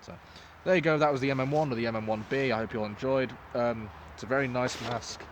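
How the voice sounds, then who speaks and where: A man's voice: medium pitch, steady tone, fast, a little hiss or hum. A man giving a casual, informal product review as the host, talking in a loose, sweary way. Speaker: host reviewing gas masks.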